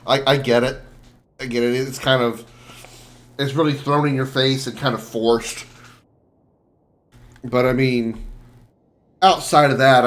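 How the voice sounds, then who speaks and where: A man chatting casually as he streams a game, rambling and blunt. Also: mid-range voice. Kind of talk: casual gameplay chat.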